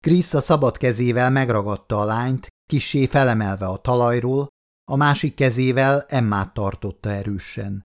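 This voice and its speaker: A man narrating an audiobook in a dramatic way, acting out the characters' lines. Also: medium pitch. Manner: dramatic, voices the dialogue.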